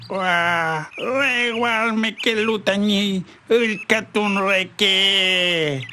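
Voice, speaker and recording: A storyteller voicing a sly male fox who longs to sing like a bird, talking in a slow, drawn-out croon. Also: mid-range voice, bright, forceful tone, a little hiss or hum, voice pushed up.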